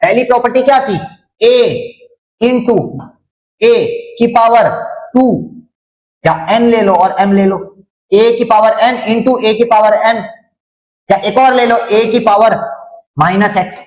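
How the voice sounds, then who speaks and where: A man's voice: sits high, fairly even intonation, slow pace, long pauses, a little mellow, echoey room, rough recording. A man teaching a maths lesson online, asking the same questions again and again and teasing students who get it wrong. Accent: Hindi. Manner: drills students with repeated questions, scolds jokingly.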